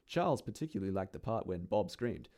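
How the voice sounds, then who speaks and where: A man telling a grim fantasy tale in a low, mellow voice. His delivery is dry and theatrical, savouring each grisly turn. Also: lively intonation, fairly quick. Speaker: narrator. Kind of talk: dramatic dark-fantasy storytelling.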